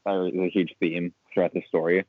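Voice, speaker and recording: A man co-hosting a podcast, chatting about a movie and making quick jokes. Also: low-pitched, level tone, no room sound. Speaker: podcast co-host. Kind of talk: casual movie discussion. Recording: tinny phone-like dry sound.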